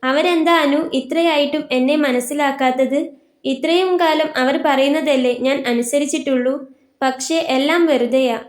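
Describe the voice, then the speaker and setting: A woman's voice: sits high, steady tone, moderate pace, lightly acted. A woman reading as a heartbroken young woman. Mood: hurt, bitter. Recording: roomy echo.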